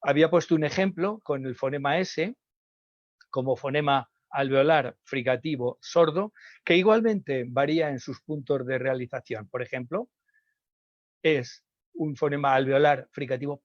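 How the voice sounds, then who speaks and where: A man from Spain, a speech therapist giving an online lecture, teaching patiently and slowly sounding out example words. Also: on the high side, dry recording. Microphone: video call. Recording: dull, dry video call audio.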